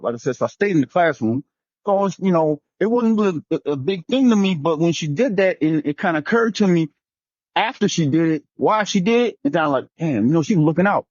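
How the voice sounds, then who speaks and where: Guy from jersey rambling on a relationship panel, kinda high voice, lo-fi dry sound. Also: no room sound. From New Jersey. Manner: rambling, repeats himself. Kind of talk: casual panel discussion.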